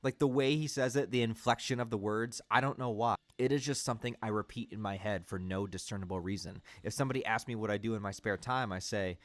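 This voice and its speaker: A man with a fairly low voice talks through a film review in a sarcastic, exasperated way. The sound is dry and close, with no room around it. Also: quick pace, few pauses, dry recording. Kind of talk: casual film critique.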